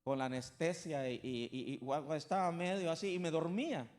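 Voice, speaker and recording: A man's voice: fairly high pitch, brisk, darkish tone. A man preaching a sermon as pastor, talking to his congregation in a conversational way with frequent asides. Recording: long hall reverb.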